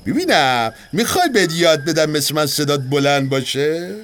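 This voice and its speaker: A man's voice: sing-song, a bit bright, slight background noise. An actor voicing a big, jolly, teasing male bear in a cartoon dub, talking playfully and breaking into laughs. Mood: coaching. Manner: playful, teasing, laughing, swoops between growls and high squeals.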